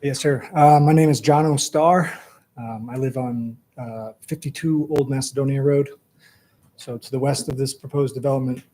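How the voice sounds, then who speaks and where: A man speaking as a resident at a planning meeting, giving hesitant public comment in a halting way. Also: mid-range voice, fairly even intonation, mellow.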